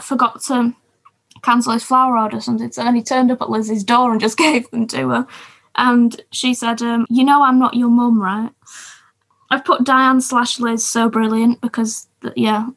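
A woman's voice: on the high side, creaky. A woman co-hosting a podcast, chatting enthusiastically about TV shows with lots of fillers. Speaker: podcast co-host. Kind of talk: casual chat about TV shows.

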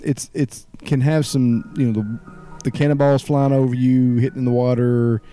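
A man's voice: mid-range voice, little pitch movement, moderate pace, warm tone, faint music behind. A man talking casually on a podcast, rambling and hesitating as he gives his opinion. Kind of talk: casual chat.

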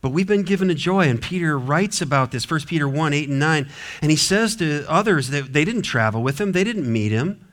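A man's voice: a little high, expressive, fairly quick, fairly bright tone. A man preaching a sermon as pastor, emphatic, his voice rising and dropping sharply. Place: church sanctuary.

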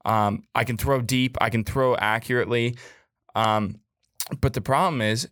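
A young podcast co-host who talks fast and jokes his way through football banter. His pitch is mid-range and the sound is dry and close to the mic. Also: fairly bright tone, no echo. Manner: joking, talkative sports banter. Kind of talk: casual chat.

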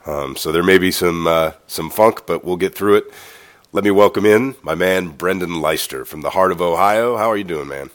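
Male podcast host, very low voice, stuffy nasal cold, rambling chatty delivery. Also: moderate pace. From United States. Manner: talkative, rambling with restarts. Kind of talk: casual sports podcast chat.

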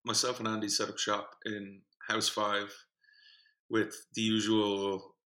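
A young man telling a story in a casual podcast chat, rambling and animated, with many fillers and restarts. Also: on the low side, slow pace, poor audio. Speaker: podcast co-host, singing group organiser.

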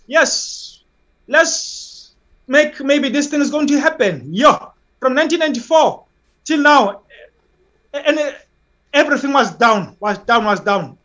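A South African man giving impassioned interview talk as an activist guest, halting, emphatic and often repeating himself. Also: very high voice, bright, forceful tone.

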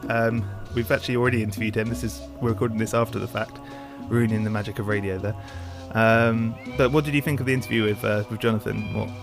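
A man's voice: fairly low pitch, steady tone, fast talker, gravelly, few pauses. A man hosting a podcast, rambling casually with many ums and uhs. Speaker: podcast host. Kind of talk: casual show intro and interview. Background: music.

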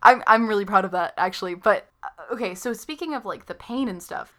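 A woman's voice: mid-range voice, fairly quick, fairly bright tone. A young woman in her late teens chatting casually and eagerly, laughing often. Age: young adult. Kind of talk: casual podcast chat.

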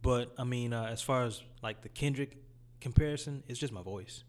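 A young man from Detroit with a raspy voice, talking about his music in a laid-back, casual interview. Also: mid-range voice, normal speed, darkish tone. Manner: laid-back, loose phrasing with fillers. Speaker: guest rapper.

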